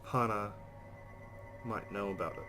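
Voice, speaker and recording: This let's play host has a lowish voice and takes an unhurried pace, reading visual novel narration over music and chiming in with casual comments. The recording carries steady, loud background noise.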